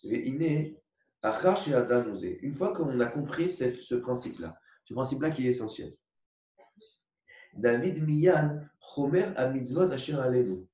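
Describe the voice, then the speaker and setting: A man's voice: medium pitch, animated, dark tone. Man lecturing in an echoey room. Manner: explains slowly with repetitions and asides, asks for agreement. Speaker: Torah teacher. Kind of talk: religious lecture with a parable. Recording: echoey room recorded from far off.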